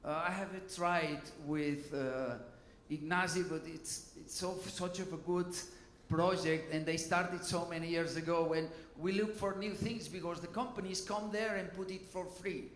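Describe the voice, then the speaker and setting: A man's voice: fairly high pitch, fairly even intonation, a little slow, roomy sound, slight background noise. A man, speaking informally on a conference panel and often adding "you know" and "okay". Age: 50s. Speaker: hotel innovation panelist. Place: conference hall.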